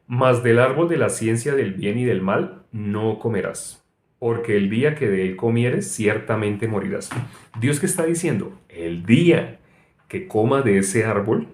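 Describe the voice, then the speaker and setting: A man teaching the Bible as a preacher, firing rhetorical questions and mimicking people's prayers. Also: mid-range voice. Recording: echoey room with faint ambient noise.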